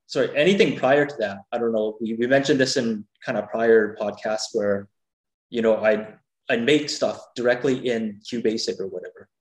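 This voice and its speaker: A man's voice: medium pitch, moderate pace. Middle-aged man talking unscripted in echoey room. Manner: candid, loose, hedging explanations. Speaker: podcast guest, game music maker. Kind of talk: casual unscripted chat. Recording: echoey, roomy sound.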